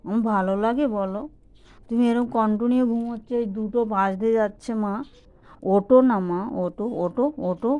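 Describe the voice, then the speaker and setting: A woman's voice: mid-range voice, steady tone, moderate pace, narrow, tinny audio. Woman coaxing her pet in baby-talk. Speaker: pet owner.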